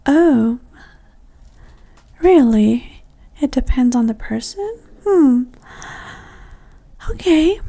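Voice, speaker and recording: In a high-pitched voice, a woman performs a soft-spoken ASMR roleplay, often whispering, as a vain and flirty date. Her manner is breathy, sassy and condescending.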